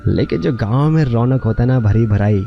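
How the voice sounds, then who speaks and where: A man's voice: medium pitch, normal speed, gravelly, natural voice. Brief: swaggering small-town flirt, as a male narrator puts him on, dull recording with music under it. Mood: boastful. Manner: swaggering, rustic slang.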